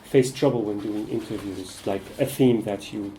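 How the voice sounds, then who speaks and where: A man facilitating a casual group discussion, speaking hesitantly with many filler pauses. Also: lowish voice, fairly even intonation, warm tone, a little hiss or hum, rough recording.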